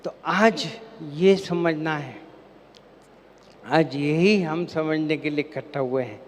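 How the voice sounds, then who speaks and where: A man's voice: on the high side, takes it slowly. A man giving a devotional seminar talk to a live gathering. He poses questions to the crowd and then answers them himself. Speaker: spiritual seminar speaker. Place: large hall with an audience. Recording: long hall reverb, faint background noise.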